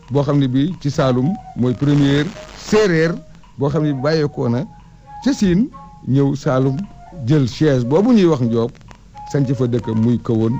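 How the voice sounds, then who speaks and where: A mellow, mid-range male voice delivers history and name lists with emphasis, as if reciting, in the role of an oral historian in conversation. The sound is muffled and lo-fi, with music in the background.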